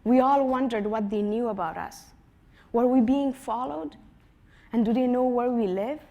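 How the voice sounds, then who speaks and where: An Afghan woman in her twenties, speaking at a conference, tells a prepared personal story with earnest conviction. Her voice is a little high and at normal speed, dropping gently at the ends of phrases, and the recording has its highs cut off.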